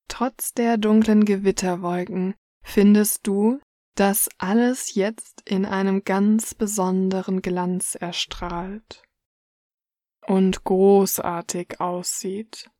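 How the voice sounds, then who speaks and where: Calm lady doing a sleepy relaxation story, real slow, mellow voice, dry close mic. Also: mid-range voice, no room sound. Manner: slow soothing second-person narration, soft and hushed.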